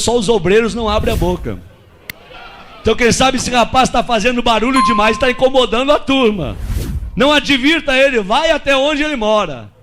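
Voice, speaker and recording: A Brazilian man preaching as a pastor, telling a testimony with lively acted-out dialogue and shouted peaks. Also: high voice, slight background noise. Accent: Brazilian Portuguese. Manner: animated storyteller acting out dialogue, shouting at peaks.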